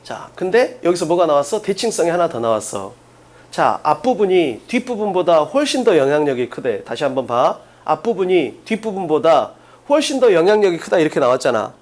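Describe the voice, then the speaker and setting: A man teaching an exam-prep English class, firing quick questions at students and stressing key points. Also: on the high side, very animated, a little mellow. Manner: drills students with rapid questions, emphatic.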